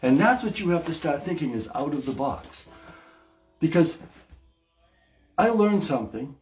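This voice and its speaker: An older man hosting a casual livestream podcast from his hallway at home, talking to viewers in an animated, folksy way through a propped-up phone. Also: a little high, measured pace. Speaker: podcast host. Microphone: phone or camera propped on a stand. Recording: echoey hallway with music playing.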